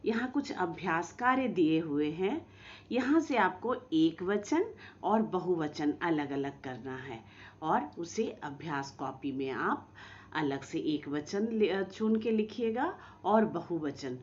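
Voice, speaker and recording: Slow, lively-voiced woman teacher. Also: lowish voice, lo-fi sound, a little hiss or hum. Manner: slow, drawn-out pronunciation of example words; lively, coaxing teacher tone with questions to children. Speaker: school teacher. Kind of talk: recorded online lesson for young children.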